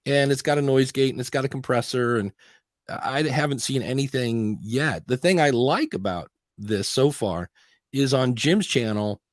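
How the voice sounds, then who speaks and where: A mid-range, animated male voice at a moderate pace carries a casual podcast chat about audio equipment. The host keeps restarting sentences and quoting himself as he rambles. His studio dynamic mic gives clean sound with no echo.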